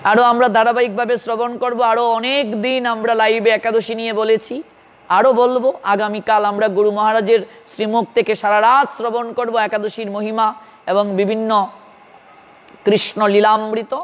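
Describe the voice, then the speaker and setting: A man with a Bengali accent preaches an earnest devotional sermon in a very high voice. He instructs his listeners directly. A long reverb trails each phrase, as in a large hall. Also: flat delivery, normal speed.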